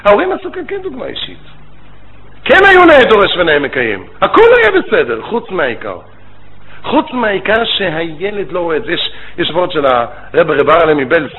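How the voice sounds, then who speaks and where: A man who is a rabbi and educator, giving a religious lecture as animated storytelling with rabbinic phrasing. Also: fairly high pitch. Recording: tinny phone-like line with faint noise.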